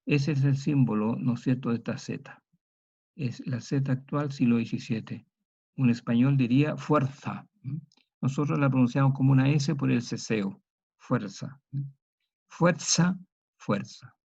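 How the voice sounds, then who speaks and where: Male lecturer, dark gravelly voice, methodical delivery, lo-fi recording. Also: mid-range voice, fairly even intonation. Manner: slow, methodical, spells out sounds and examples. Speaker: teacher. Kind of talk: historical grammar lecture. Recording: dull lo-fi recording.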